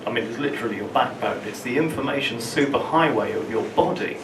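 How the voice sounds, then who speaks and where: A man performs spoken-word storytelling at an open mic night, stumbling over and repeating words mid-sentence. He sounds distant from the mic, his voice bouncing around a live room with steady crowd-space murmur behind him. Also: medium pitch. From London, England. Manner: halting, restarts and repeats words while telling his story. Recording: roomy, distant, with room ambience noise.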